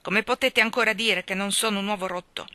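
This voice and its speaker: A woman voicing a touchy, indignant little egg-shaped man who shouts his complaints. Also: mid-range voice, fairly even intonation, a little fast, dry recording, natural voice. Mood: shouting. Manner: shouting, huffy.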